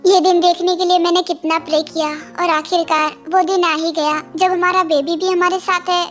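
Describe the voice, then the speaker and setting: A woman voicing a gentle, caring young husband and new father in an amateur fan dub. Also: very high-pitched, level tone, normal speed, faint music behind. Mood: soothing. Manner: gentle, soothing, teasing.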